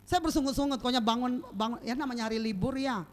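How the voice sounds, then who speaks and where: A woman preaching a sermon in a lively, storytelling way, acting out moments with sound effects and often asking the congregation to agree. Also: a little high, fast talker.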